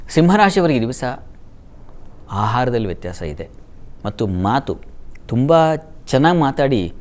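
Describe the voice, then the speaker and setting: A man with a Kannada accent reading the daily horoscope as an astrologer, chanting Sanskrit verses slowly and letting his sentences fall to a soft hush. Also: on the low side.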